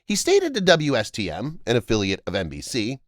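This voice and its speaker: Male narrator for scripted viral-news explainer. Formal, measured delivery with lively, varied pitch; very dry recording. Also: no echo. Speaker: narrator of a viral-story video channel.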